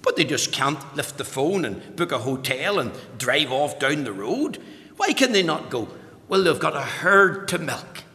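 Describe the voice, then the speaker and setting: Man, Northern Irish accent, evangelical sermon, slow deliberate delivery, emphatic repetition, long hall reverb. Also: on the high side, very animated, pushed and bright. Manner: emphatic, repeats phrases for weight. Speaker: preacher.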